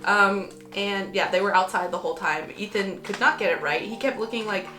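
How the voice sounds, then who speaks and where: A woman's voice: mid-range voice, brisk, pushed and bright. A young woman vlogging a casual storytime to camera, rambling with lots of "like" and "um" and casual swearing. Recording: roomy echo with faint background music.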